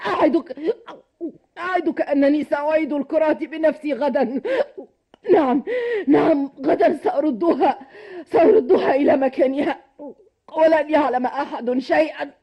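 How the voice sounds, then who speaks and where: An actress with an Egyptian accent playing a frightened pregnant young wife in a radio drama, sobbing and pleading. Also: female voice, sits high, moderate pace. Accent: Egyptian Arabic. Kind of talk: 1990s radio drama acting. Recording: dull lo-fi radio recording.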